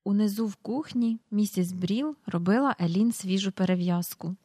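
A woman reading a children's storybook aloud as an audiobook narrator, with an even storytelling delivery. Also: mid-range voice, moderate pace, breathy edge, no echo, studio quality. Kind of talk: scripted narration.

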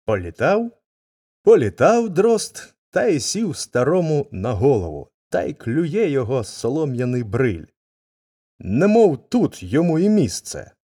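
A man narrating a folk tale aloud with expressive, dramatic intonation. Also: mid-range voice, measured pace, no room sound, clean studio sound. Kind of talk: storybook reading.

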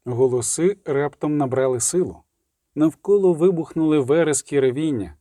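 Читець-чоловік веде оповідь спокійно, з м'яким, приглушеним тембром. Звук сухий і щільний, зблизька. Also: male voice, a little high, normal speed, dry recording, clean studio sound. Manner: even, steady storytelling. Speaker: audiobook reader. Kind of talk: scripted narration.

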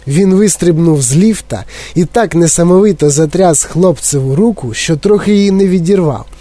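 A man narrating an audiobook with lively storytelling. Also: a little high, normal speed, no room sound.

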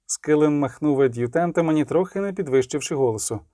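Male audiobook narrator, higher-pitched, mellow, measured, dry close sound. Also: no room sound. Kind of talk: scripted narration.

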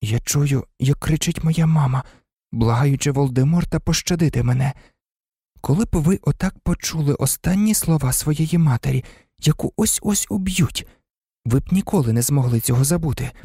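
A man's voice: a little high, normal speed, mellow, husky, no echo, clean studio sound. Man voicing a stubborn, brooding teenage boy. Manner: stubborn, grim.

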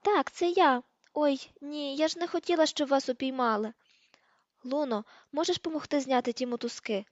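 A woman reading an audiobook, voicing a gentle, dreamy teenage girl who speaks softly and calmly. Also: high voice, moderate pace, no echo, pitched above the performer's own voice, natural voice. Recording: dull lo-fi recording.

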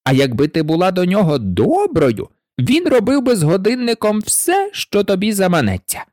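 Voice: mid-range voice, normal speed, dry recording, voice pushed up. An eccentric, mournful hatter from a storybook, played by a reader who raises the voice noticeably. His speech swings widely up and down and keeps stumbling over hesitations as he rambles on. The reading is close and dry. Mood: rambling. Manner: rambling and excitable, with frequent hesitations.

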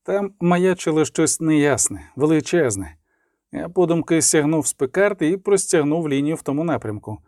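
Male audiobook narrator, dramatic reading, mellow tone, dry close sound. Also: fairly high pitch, normal speed, no echo. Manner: reads with lively dramatic emphasis, voicing the dialogue lines. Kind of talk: scripted narration.

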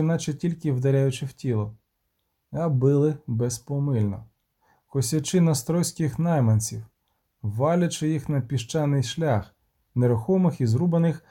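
A man narrating an audiobook in a steady, rhythmic reading. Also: a little high. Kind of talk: scripted narration.

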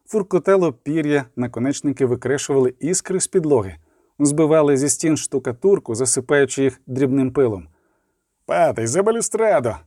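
A man reading scripted fantasy narration with steady, vivid storytelling, close to the mic. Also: medium pitch, dry recording. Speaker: audiobook narrator.

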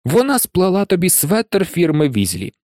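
A man voicing an eager, excitable young boy who squeals when thrilled. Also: high-pitched, moderate pace, no echo, clean studio sound, pitched above the performer's own voice. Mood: embarrassed.

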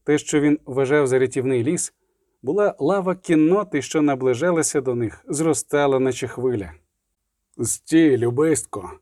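Mellow-voiced male audiobook narrator. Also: mid-range voice, moderate pace, dry recording, studio quality. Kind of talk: scripted fantasy audiobook narration.

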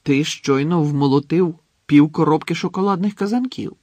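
A man's voice: on the high side, normal speed, a little mellow, dry recording, voice pushed up, lightly acted. A man voicing a puzzled, sensible teenage boy who keeps asking questions, reading a storybook aloud. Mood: baffled. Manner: baffled, questioning.

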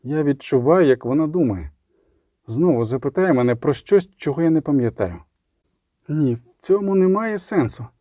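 A man's voice: fairly high pitch, animated, normal speed, mellow, no echo, clean studio sound. A man voicing a stubborn young princess who answers reluctantly and evasively. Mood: brooding.

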